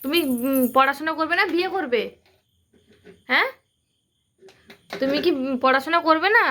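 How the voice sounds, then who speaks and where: A woman gently teasing a small girl in a home video, coaxing her with repeated questions. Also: high-pitched, normal speed, a little hiss or hum. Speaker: adult filming a small girl. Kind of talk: home video, talking to a toddler.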